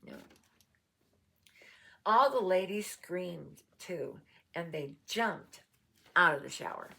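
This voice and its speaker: A woman's voice: on the low side, vocal fry, slightly rough. A woman reading a children's picture book aloud, with chatty asides to her dog. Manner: slow, animated, chatty asides. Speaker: storybook reader.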